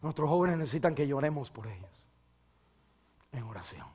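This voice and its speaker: A man's voice: medium pitch, very animated, normal speed, darkish tone, husky. A male pastor preaching a sermon and leading a closing prayer, impassioned, swinging from a raised voice down to a near whisper and dropping English words into Spanish.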